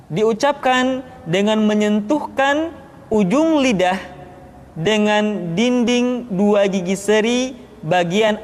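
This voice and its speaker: A woman teaching how to pronounce Arabic letters for Quran recitation. She explains each letter deliberately, then drills it in repeated syllables. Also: mid-range voice, a little mellow, in a large hall. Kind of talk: slow instructional explanation with pronunciation drills.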